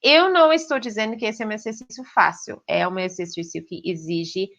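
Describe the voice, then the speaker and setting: Woman, English accent, non-native speaker, pronunciation teacher, steady explaining tone, frequent check-ins, slightly muffled lo-fi audio. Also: medium pitch, a little fast. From Britain. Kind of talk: online pronunciation lesson.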